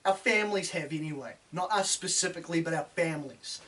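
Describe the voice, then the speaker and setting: A man's voice: a little high, fairly quick, a bit bright, distant mic. A man with a broad New Zealand accent delivering a blunt, sweary, sardonic opinion rant, full of slang. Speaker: opinion video host.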